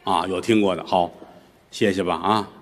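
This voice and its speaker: A man's voice: sits low, fairly even intonation, moderate pace. A male comedian telling a story solo and bantering with the audience on a live stage.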